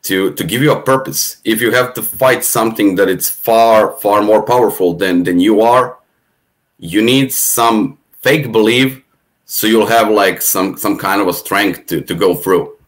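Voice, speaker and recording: A man from Serbia with a Serbian accent, a podcast guest talking in a thoughtful, halting way and repeating words. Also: on the low side. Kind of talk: casual conversation.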